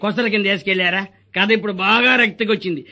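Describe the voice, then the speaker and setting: A crafty, wisecracking village doctor. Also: male voice, high voice, sharp tone, exaggerated voice. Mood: scheming. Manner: rapid wisecracking, rustic dialect. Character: scheming greedy male hospital doctor, middle-aged. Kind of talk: stage comedy drama.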